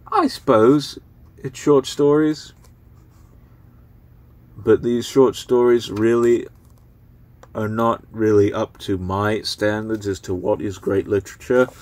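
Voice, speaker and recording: With a fairly low, slightly mellow voice, a young man who vlogs about books rambles unhurriedly through the books he's giving away. It's a casual spoken review, heavy on filler words.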